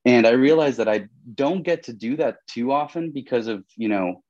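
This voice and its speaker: A young man from Colombia with a medium-pitched voice speaks at a moderate pace in a casual conversational interview where he is the podcast guest. He's relaxed and rambling, leaning heavily on "like" and "you know." The sound is lo-fi, without echo.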